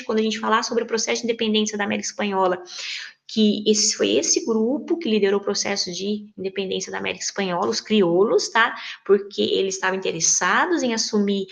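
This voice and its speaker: Gravelly-voiced woman teaching history, halting. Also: mid-range voice. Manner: hesitant, many fillers and self-corrections. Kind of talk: recorded lecture over slides.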